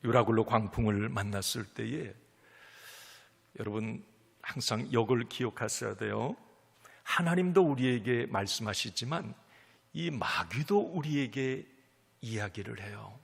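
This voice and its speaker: Gravelly, lively pastor preaching a sermon. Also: male voice, medium pitch, a little slow, long reverb tail. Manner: emphatic preaching, swinging to near whispers.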